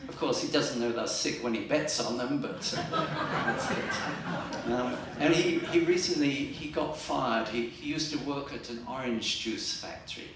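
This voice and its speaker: An older man doing stand-up comedy at a live fundraiser, telling dry jokes with pauses and fillers. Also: medium pitch. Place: library fundraiser event room. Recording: echoey room from far off, noisy.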